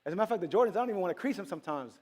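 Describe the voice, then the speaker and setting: A man tells a story from the pulpit in a loose, conversational sermon style. His voice sits fairly high for a man. He acts out the conversations, jumping into sudden high-pitched exclamations. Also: animated, rapid-fire, darkish tone. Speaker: preacher.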